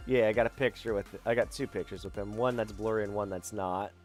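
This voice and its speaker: A man's voice: lowish voice, steady tone, quick pace. A young man streaming as a VTuber, chatting casually and rambling with lots of fillers and self-corrections, sounding tired. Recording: faint background music.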